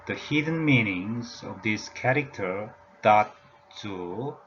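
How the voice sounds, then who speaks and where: Man, slow halting lecture, lots of "uh" fillers, low voice, dull lo-fi audio. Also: expressive, fairly bright tone. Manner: halting, many "uh" and "yeah" fillers. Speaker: language teacher. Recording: dull lo-fi recording with faint room noise.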